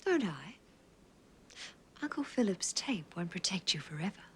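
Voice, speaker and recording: A woman's voice: mid-range voice, very animated, normal speed, husky. An actress playing a cold, venomous, tough woman making threats in a television drama. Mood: cold menace.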